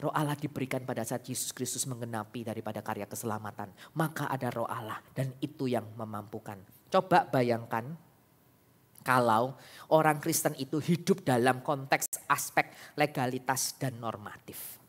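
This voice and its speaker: A man preaching a conversational sermon at a church service, lively, with sharp rises for emphasis and frequent rhetorical questions to the congregation. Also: medium pitch, moderate pace. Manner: keeps asking the congregation "right or not?". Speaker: evangelist preacher.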